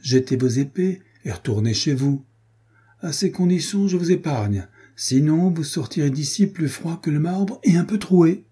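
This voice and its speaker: A man's voice: a little high, animated, normal speed, dark tone, husky, pitched above the performer's own voice. Man doing a pompous, mocking mercenary captain. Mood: mocking menace. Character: boastful swaggering male mercenary captain.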